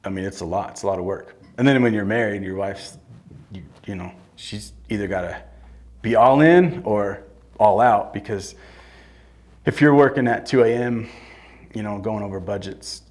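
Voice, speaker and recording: A middle-aged man speaks in a fairly low voice, plain and blunt, as a guest in an on-stage interview. He often breaks off and restarts his sentences. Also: moderate pace, darkish tone. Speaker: construction company owner, guest. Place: event room with audience.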